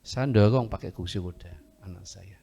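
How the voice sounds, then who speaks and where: A man's voice: fairly low pitch, moderate pace, gravelly, husky, muffled recording. A middle-aged man preaching a testimony sermon. He tells his story with animation and often turns to address the congregation. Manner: animated storytelling, acts out doctors and family in raised voice.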